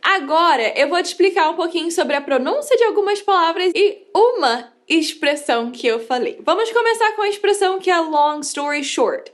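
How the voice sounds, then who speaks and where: Young woman teaching english in a casual video, high bright voice, chatty, lots of like and um. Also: moderate pace, hardly any pauses. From United States. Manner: chatty and animated, lots of fillers; lively, playful teaching tone.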